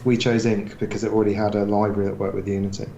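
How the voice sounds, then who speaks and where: A man's voice: on the low side, little pitch movement, racing, vocal fry, mellow, dull audio, a little hiss or hum. A man who develops games, speaking as an interview guest with wry, dry humor. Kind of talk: casual interview. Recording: echoey room.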